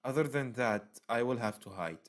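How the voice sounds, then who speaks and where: Casting: male game streamer, dramatic reader of visual novel text, given to emotional outbursts, mid-pitched voice. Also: expressive, moderate pace.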